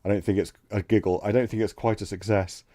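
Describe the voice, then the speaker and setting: A man streaming a text adventure, reading the game text aloud and thinking out loud between passages. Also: lowish voice, little pitch movement, fast talker, no echo, clean studio sound. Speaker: let's play streamer.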